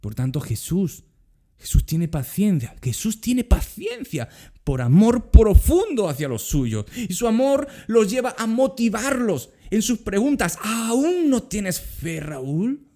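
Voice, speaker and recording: A man's voice: high-pitched, a little slow. A middle-aged man with a Spanish accent preaching a sermon as pastor, acting out quoted words. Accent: Spain Spanish. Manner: animated, acts out Jesus's words in quotes.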